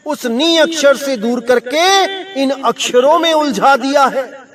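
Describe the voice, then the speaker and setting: A man giving a devotional sermon as a spiritual teacher. He chants verses slowly and then explains them, calling his listeners brother. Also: very high-pitched, recorded from a distance.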